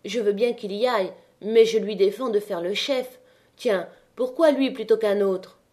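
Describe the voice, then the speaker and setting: A woman's voice: medium pitch, little pitch movement, measured pace, natural voice. A woman voicing the anxious wife of a poor miner, protesting and then resigned. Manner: desperate, protesting.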